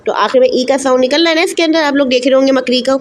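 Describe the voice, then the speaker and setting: A woman teacher with an Urdu-speaking Pakistani accent leads a recorded lesson for first graders, in a somewhat high voice. She sounds out each letter slowly and then says the whole word. A faint hiss of noise runs behind her. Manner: spells words slowly letter by letter, then reads them whole.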